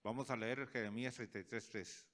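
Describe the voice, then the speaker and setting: A pastor preaching a sermon, asking the congregation questions and acting out little scenes, dropping to quiet asides and rising to loud calls. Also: male voice, mid-range voice, steady tone, a little fast.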